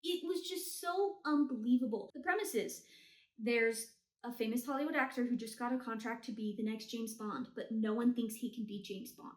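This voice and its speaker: Talking at a normal speed in a slightly high voice, a woman casually ranks the books she's gotten through. Her opinions are blunt and hyperbolic, her wording slangy, and the room sound is echoey.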